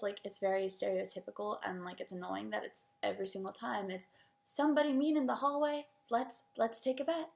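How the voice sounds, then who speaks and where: A young woman vlogging about books, ranting in an animated, exasperated way with lots of "like". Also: fairly high pitch. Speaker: book vlogger. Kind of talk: casual opinion vlog.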